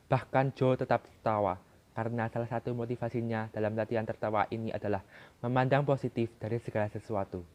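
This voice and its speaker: A man's voice: fairly low pitch, darkish tone. A man doing a dramatic reading of a literary short story, narrating expressively and raising his voice at climaxes.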